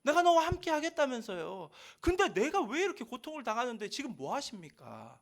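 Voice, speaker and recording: A man's voice: extremely high pitch, wildly swooping pitch, a little fast, gravelly, a bit bright, pitched above the performer's own voice, full character voice. A man voicing an anguished male prophet who pleads and accuses God in an emotional outpouring, over a video call. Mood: anguished protest.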